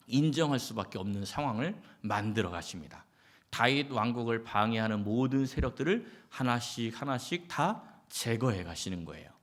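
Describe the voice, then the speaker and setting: A male pastor giving a Sunday sermon in a conversational way, asking the congregation questions and acting out short quotes. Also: medium pitch. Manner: conversational preaching with acted quotes and rhetorical questions.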